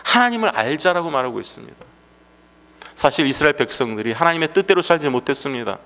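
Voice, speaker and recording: Male pastor, lively rising-and-falling sermon delivery with rhetorical questions and repetition, long hall reverb. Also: a little high, quick pace. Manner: swings between raised emphatic lines and hushed drops.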